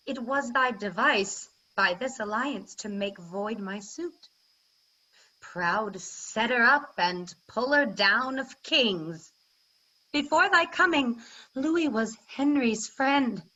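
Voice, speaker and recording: A woman's voice: fairly high pitch, animated, slow, sharp tone, exaggerated voice. A woman playing a proud, wronged warrior queen in a staged reading of verse drama, declaiming formally over a video call. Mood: accusing. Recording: slightly dull video-call audio.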